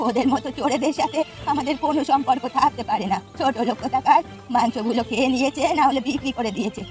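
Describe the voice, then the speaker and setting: A woman's voice: high voice, quick pace, soft background music, close to an everyday voice. A woman voicing a bossy, practical village woman in a cartoon. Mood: stern.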